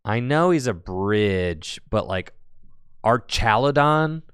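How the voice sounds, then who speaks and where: A man's voice: low-pitched, animated, normal speed, smooth, no echo, studio quality. A man giving casual play-by-play commentary on a card game tournament, chatty and thinking aloud as he goes.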